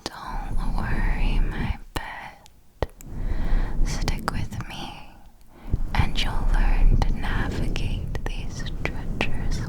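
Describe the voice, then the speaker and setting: In a breathy, deliberate ASMR whisper, a woman plays a seductive, menacing elder vampire mentor, her affection possessive and condescending. The mood is affectionate yet carries a veiled threat, and the recording quality is low.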